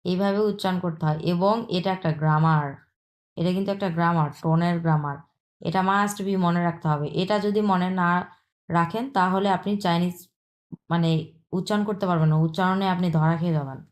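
A woman with a Bangladeshi accent teaching a language lesson, patiently repeating points and drawing out example sounds slowly. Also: lowish voice, steady tone. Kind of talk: explanatory lesson.

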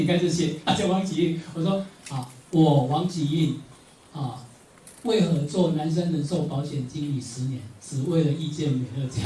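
A middle-aged man with a Taiwanese Mandarin accent gives a motivational speech, telling stories in an animated way with frequent laughter and emphatic repetition. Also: a little high. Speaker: motivational speaker. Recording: echoey hall, distant mic, faint noise.

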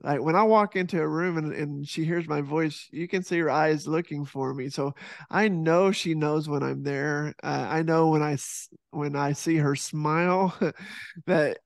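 A man's voice: on the high side, fairly even intonation, a little slow, vocal fry, no room sound, studio quality. A man in his thirties from Texas, a podcast guest talking earnestly over a video call, with frequent restarts and fillers. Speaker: podcast guest, fitness instructor and author. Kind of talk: casual video-call interview. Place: home room with poster behind. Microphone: headset mic on boom arm over video call.

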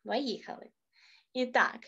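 A woman's voice: a little high, slow, bright, forceful tone, breathy edge, dull audio. A woman vocal teacher leading a children's online singing lesson, patiently coaxing and counting in, a little ill with a cough. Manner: patient, coaxing, counts in and models chants and melodies.

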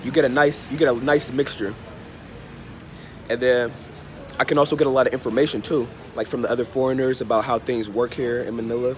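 Stuffy-nosed man vlogging over clear background noise. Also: medium pitch, fairly even intonation, a little mellow. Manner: unhurried, halting, often repeating phrases. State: under the weather with a cold. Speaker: travel and language vlogger. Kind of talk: casual chat to camera. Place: open-fronted hostel bar or cafe. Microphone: phone held at arm's length. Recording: noisy open-air cafe with traffic. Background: street and vehicle ambience.

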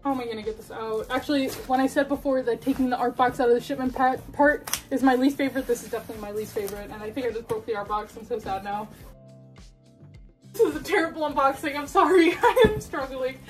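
A woman's voice: a little high, quick pace, far from the mic, faint music behind. A young woman casually chatting through an unboxing, gushing and laughing, a bit out of breath as she struggles with the box. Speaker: collectibles unboxing vlogger.

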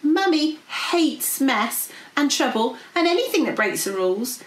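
A woman's voice: high voice, very animated, measured pace, echoey room, pitched above the performer's own voice. A woman voicing an eager, kindly young princess in a storybook, earnest and emphatic. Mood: earnest, resolute.

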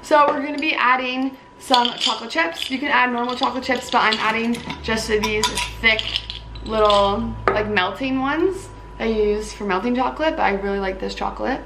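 A woman's voice: fairly high pitch, steady tone, moderate pace, very noisy. Bubbly young woman baking at home. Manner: bubbly, chatty, says "like" and "um" often. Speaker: baking vlogger. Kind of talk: casual baking tutorial. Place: home kitchen.

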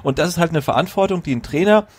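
A man's voice: fairly high pitch, fast, husky. A man co-hosting a football podcast, giving his opinion firmly in casual talk with many hesitations and fillers. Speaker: podcast co-host.

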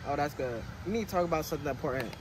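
A man playing a nervous teenage boyfriend in a homemade drama, talking in an excitable, slangy way. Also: fairly high pitch, very fast, recorded from a distance, noisy background, natural voice. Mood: calm.

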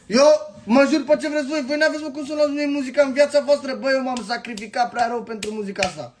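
A young man from Romania, a rapper, delivering a heated, insulting rant that swings between shouting and muttering. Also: very high-pitched, steady tone, background noise. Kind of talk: angry rant to camera.

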